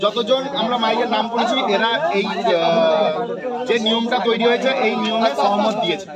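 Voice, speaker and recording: A man's voice: high voice, normal speed. A man speaking as a spokesman at a public meeting, reading out a long list of names with some hesitations. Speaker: sound system association spokesman. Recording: muffled, crowd noise behind. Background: crowd.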